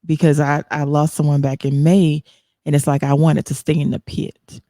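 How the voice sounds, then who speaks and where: A woman's voice: low voice, level tone, normal speed, mellow, no room sound, studio quality. A woman hosting an online talk show, speaking earnestly and emotionally, rambling with frequent restarts. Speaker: host.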